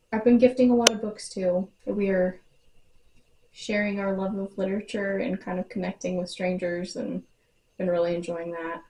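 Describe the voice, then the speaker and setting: A woman's voice: mid-range voice, a little mellow, a little hiss or hum. A young adult woman talking casually about books for her vlog, chatty and full of "like" fillers. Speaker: book vlogger. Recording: roomy echo.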